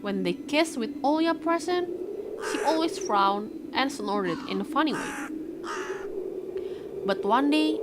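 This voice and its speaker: This very noisy clip features a young woman, Indonesian by first language, whose voice is a little high. She dramatically narrates a visual novel on stream, breaking away to react with excitement and greet her chat while game music plays.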